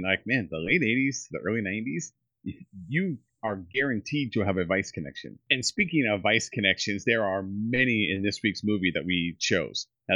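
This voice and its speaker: A man hosting a casual movie podcast, talking with enthusiasm and speeding up when excited. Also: deep voice, no echo, muffled recording. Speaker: podcast host.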